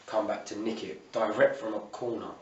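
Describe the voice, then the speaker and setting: Low-voiced English football manager, roomy distant recording. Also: male voice, steady tone, normal speed, a little mellow, muffled recording. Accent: English, south-east. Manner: colloquial, matey, with frequent "you know". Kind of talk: post-match interview. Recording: roomy, distant mic, faint ambient noise.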